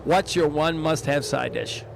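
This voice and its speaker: A man with a distinctly high-pitched voice hosts a podcast. He speaks in a casual, conversational interview style, recorded outdoors. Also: a little slow, creaky, slight background noise. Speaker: podcast host. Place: outdoors at a market.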